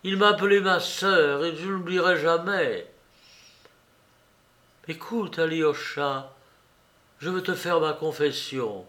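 A man's voice: slow, pauses often, sharp tone. A man reading aloud, voicing a passionate, impulsive young woman in a storybook reading with a raised, emotional voice. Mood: heartfelt. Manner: raised pitch, emotional delivery.

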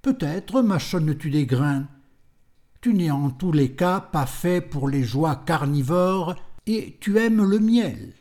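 A man's voice: fairly high pitch, animated, slow pace, darkish tone. A man voicing a solitary prophet in an audiobook, speaking solemnly and declaiming his words. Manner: solemn, declamatory, rising to anger. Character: solitary male prophet, stern yet kindly.

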